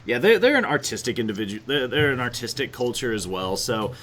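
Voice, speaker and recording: A man's voice: medium pitch, very animated, brisk, a bit bright. A man narrating a tabletop role-playing game as game master, rambling and hesitant with frequent fillers.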